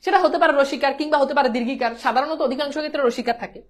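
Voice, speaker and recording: A woman's voice: high-pitched, very fast. A woman teaching a pronunciation lesson, repeating herself and coaxing students to say whether they understand. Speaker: Bangla teacher.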